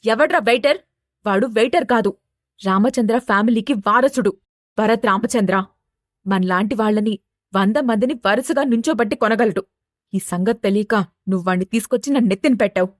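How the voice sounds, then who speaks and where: A woman voicing a furious older man, a city mayor who scolds and shouts at his son. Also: fairly high pitch, a little fast, no room sound, studio quality, close to an everyday voice.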